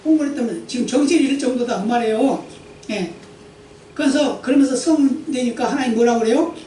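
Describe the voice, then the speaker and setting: A man's voice: very high voice, a little fast, mellow, a little hiss or hum. A man preaching a Sunday sermon as pastor, reading scripture aloud and explaining it with rhetorical questions to the congregation. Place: church sanctuary. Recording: echoey church hall, mic at a distance.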